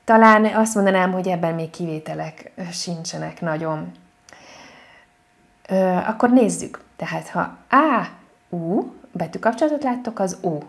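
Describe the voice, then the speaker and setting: A woman French teacher giving an online lesson, patient and repeating each example word slowly. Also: fairly low pitch, lively intonation, gravelly.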